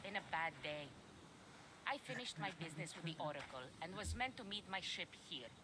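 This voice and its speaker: A woman playing a gruff, foul-mouthed ship captain in a video game, curt and irritable. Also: lowish voice, lively intonation, fairly quick, noisy background, lightly acted. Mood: frustrated.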